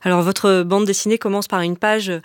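A woman's voice: medium pitch, fairly even intonation, moderate pace, clean tone, dry recording. Formal female interviewer, dry sound. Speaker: interviewer, host. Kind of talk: interview questions.

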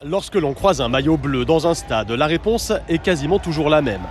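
A man reporting from the field for radio news, in a crisp narrated delivery. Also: fairly high pitch, expressive, moderate pace, background noise.

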